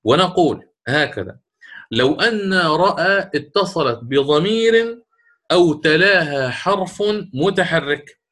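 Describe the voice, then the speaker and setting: A man's voice: on the high side, lively intonation, takes it slowly, fairly bright tone. A middle-aged sheikh teaching Quran recitation rules in a classroom lecture, explaining step by step, repeating key words and quizzing his students.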